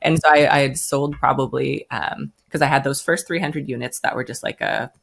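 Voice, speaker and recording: This woman's voice is extremely low, gravelly, and husky, delivered at a moderate pace. An American brand founder, she relates her story in a laid-back interview, chatting away and acting out the voices of those she quotes.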